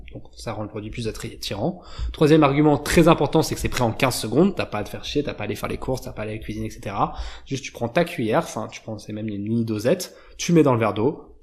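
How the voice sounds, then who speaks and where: Male YouTube marketing educator, casual explainer; relaxed, conversational delivery, lots of "bah" and restarts. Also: mid-range voice. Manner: informal, conversational, frequent fillers and self-corrections.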